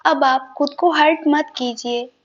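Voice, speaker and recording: A woman voicing a loving young husband who reassures his wife softly in a storybook reading; dull lo-fi sound. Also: high-pitched, fairly even intonation, measured pace. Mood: tender reassuring. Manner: soft, reassuring, mixing English words.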